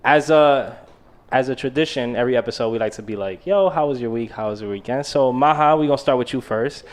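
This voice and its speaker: A man hosting a casual podcast, talking in relaxed slangy banter and tossing in "you feel me" often. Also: medium pitch, quick pace. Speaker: podcast host. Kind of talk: casual chat.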